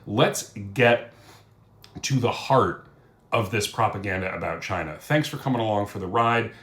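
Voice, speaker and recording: A man's voice: on the low side, lively intonation, normal speed, a bit bright, roomy sound. A man hosting a reaction commentary, scolding and indignant as he rebuts a clip. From United States. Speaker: commentary host.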